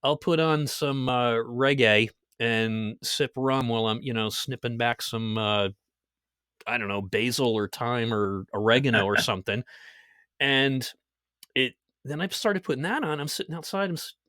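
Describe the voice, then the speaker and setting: A man hosting a podcast, telling stories in a lively casual way and laughing at his own jokes. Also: mid-range voice, moderate pace, clear, resonant tone, no echo, clean studio sound. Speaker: podcast host. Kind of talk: casual chat.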